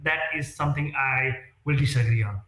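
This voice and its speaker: A man's voice: medium pitch, fairly quick, a bit bright, echoey room, rough recording. A man, answering interview questions earnestly and hesitantly, with many fillers and restarts. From Nepal. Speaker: real estate sales executive, guest.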